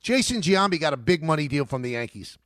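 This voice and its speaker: Casting: middle-aged male sports radio host, high lively voice, emphatic and combative, dry studio sound. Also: quick pace, dry recording. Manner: emphatic, argumentative, repeats points.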